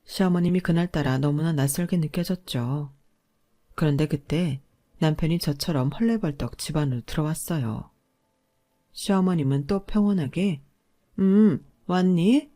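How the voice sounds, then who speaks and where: A woman reading a first-person story as narrator in a calm, even way. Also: sits low, moderate pace.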